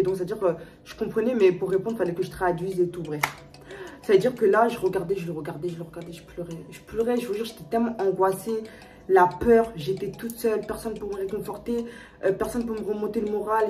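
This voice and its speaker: A young adult woman with a mellow, medium-pitched voice sits far from the mic while telling her viewers a personal story in a casual storytime vlog. She speaks emotionally and repeats herself, with lots of fillers and restarts.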